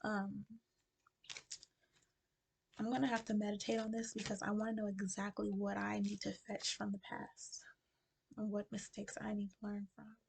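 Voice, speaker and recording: A woman giving a casual spiritual card reading to her viewers, talking with a retainer in her mouth and dropping into soft whispers as she muses. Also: medium pitch, flat delivery, vocal fry, a little hiss or hum. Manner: slow, musing delivery with soft whispered phrases; casual, chatty address to viewers. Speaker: tarot card reader.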